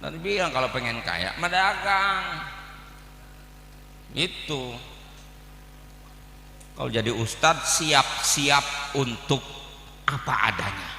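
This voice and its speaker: Man, Betawi accent, humorous blunt sermon, bright tense voice, echoey hall. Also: medium pitch, slow, vocal fry, long pauses, slight background noise. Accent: Jakarta Betawi Indonesian. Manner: humorous, blunt, switching between calm teaching and loud outbursts. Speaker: preacher. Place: large hall at a memorial gathering.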